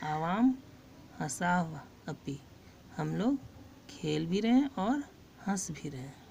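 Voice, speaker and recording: Woman teacher, low and gravelly, reads and explains each phrase very slowly. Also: very animated, a little mellow, slight background noise. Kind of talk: slow line-by-line Sanskrit lesson with Hindi translation.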